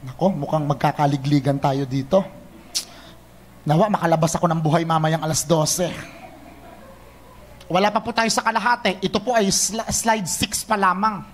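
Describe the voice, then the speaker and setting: A young man preaching a sermon, lively and teasing, switching between Tagalog and English. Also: a little high, moderate pace, long pauses. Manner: animated, mixes Tagalog and English, teasing the congregation.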